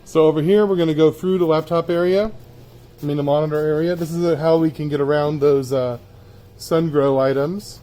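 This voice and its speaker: A man's voice: a little high, steady tone, moderate pace, mellow. A plain-spoken man giving a casual, off-the-cuff sales tour of stock while walking through a warehouse. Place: indoors in a cluttered warehouse, walking.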